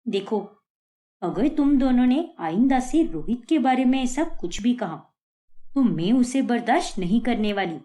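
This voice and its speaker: A woman's voice: fairly high pitch, animated, unhurried, dark tone. A woman voicing a stern middle-aged mother in a cartoon, who scolds her daughters sharply and defends her son. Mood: scolding. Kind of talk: cartoon voice acting.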